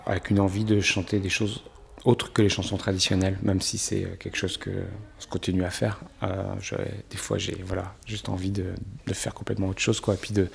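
Husky low-voiced man, hesitant singer. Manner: hesitant, many pauses and fillers. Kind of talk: reflective interview.

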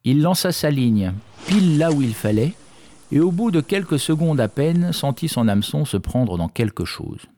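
A man narrating a fairy tale in a measured, expressive reading. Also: fairly high pitch. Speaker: storyteller.

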